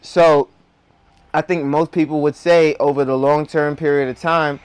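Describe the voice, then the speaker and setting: A man's voice: on the high side, steady tone, measured pace, clear, resonant tone, dry recording. A man speaking with dental braces that slightly impede his articulation, explaining things to viewers as a video host. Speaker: host of a personal finance video.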